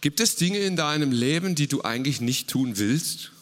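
A man preaching a lively, casual sermon, retelling a Bible story and mixing English words into his talk. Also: on the high side, moderate pace, in a large hall.

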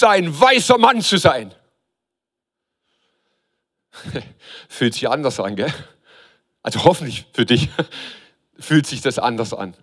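A man delivers a sermon as a pastor, in a voice of ordinary middle pitch. He leans on rhetorical questions and talks to his congregation directly and informally, dropping low and quiet, then rising to stress a point. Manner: preaching with rhetorical questions, shifting between quiet and emphatic.

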